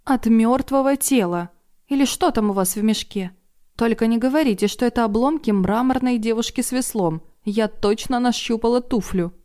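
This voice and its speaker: A woman voicing an indignant, sharp-tongued middle-aged woman who talks loudly and sarcastically. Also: a little high, normal speed, voice pushed up, close to an everyday voice. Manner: loud, exasperated and sarcastic.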